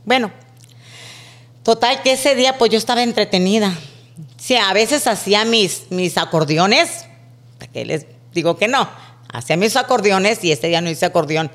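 A woman's voice: mid-range voice, moderate pace. A middle-aged woman, a podcast guest telling childhood stories casually and acting out the dialogue. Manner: animated, acts out quoted dialogue. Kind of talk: casual storytelling.

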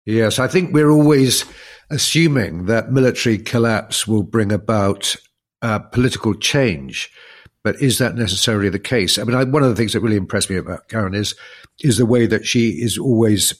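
Croaky man with a lowish voice. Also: normal speed. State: croaky from illness, recovering. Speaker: podcast co-host. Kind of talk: conversational analysis.

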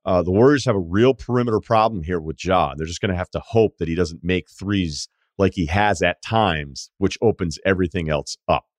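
A man's voice: sits low, moderate pace, hardly any pauses, no echo, studio quality. An American man hosting a sports podcast, talking in an informal, conversational way. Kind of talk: casual sports talk and ad reads.

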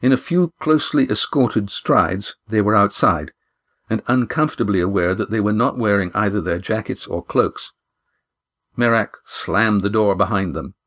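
A man narrating a novel chapter in a steady, measured reading voice. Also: on the low side. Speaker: audiobook narrator. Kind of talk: scripted story narration.

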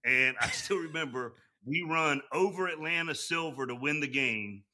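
A man's voice: fairly high pitch, normal speed, pushed and bright. A man appearing as a guest broadcaster, telling sports stories and giving opinions in an informal, colloquial way. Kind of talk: casual sports chat and anecdotes.

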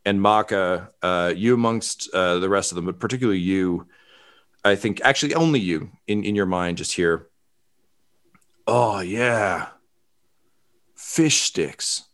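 A man narrating as game master of a tabletop game, relaxed, with lots of fillers and swearing. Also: low voice, normal speed, clear, resonant tone.

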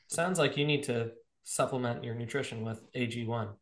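A man's voice: medium pitch, lively intonation, a little slow. A man hosting a podcast in casual, joking chat, his voice sounding echoey in the room. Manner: upbeat, joking, plugs sponsors. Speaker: podcast host.

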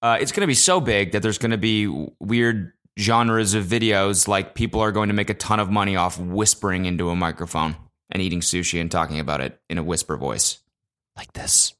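A man hosting a casual solo podcast, talking into a podcast mic in an animated, profane rant that jumps between loud exclamations and low mutters. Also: a little fast, few pauses. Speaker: podcast host. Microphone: podcast microphone.

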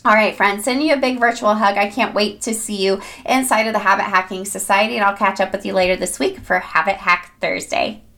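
A woman's voice: medium pitch, steady tone, a little fast, fairly bright tone. A woman hosting a self-improvement advice podcast, speaking in an upbeat, chatty and encouraging way, as if to friends. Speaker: podcast host.

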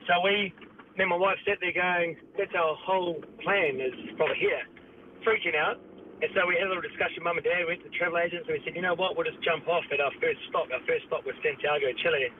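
A man's voice: fairly high pitch, steady tone, quick pace. A man with a New Zealand accent, telling a personal story casually as a radio caller on a muffled, noisy phone line.

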